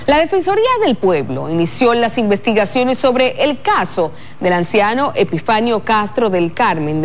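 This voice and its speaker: A female news anchor, reading a bulletin in a steady, formal delivery. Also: medium pitch, slight background noise.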